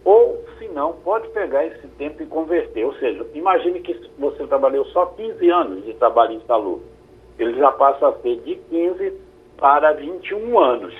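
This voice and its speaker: A lawyer, answering callers' questions on a radio call-in show in a measured, explanatory way. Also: male voice, fairly high pitch, animated, husky. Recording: phone-like radio line.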